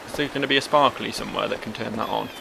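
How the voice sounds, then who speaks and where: A man's voice: lowish voice, racing, creaky, noisy background. A man hosting a video game playthrough, commenting casually in a dry, sardonic, sweary way. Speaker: gaming video host. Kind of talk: casual let's play commentary. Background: game music.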